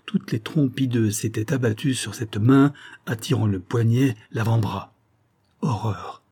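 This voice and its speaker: A man narrating a nineteenth-century fantastic tale as an audiobook, in a measured, theatrical delivery. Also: lowish voice, mellow, husky. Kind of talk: dramatic literary reading.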